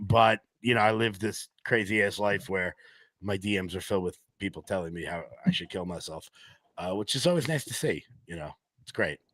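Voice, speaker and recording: A man on a casual panel chat who talks in a joking, sarcastic way with animated asides. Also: mid-range voice, no echo, low-quality recording.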